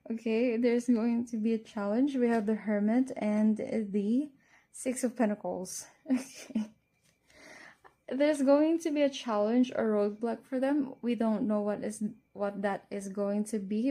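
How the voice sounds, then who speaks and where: A woman's voice: fairly high pitch, mellow. A woman giving a casual tarot reading, speaking to the listener as a fortune teller. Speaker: tarot card reader.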